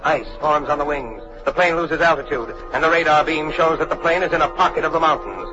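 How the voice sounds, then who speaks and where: In the style of a dramatic announcer, a man narrates a 1940s radio drama, speaking a little fast in a slightly high voice. The clip has an old radio broadcast effect: dull, lo-fi and vintage, with loud music.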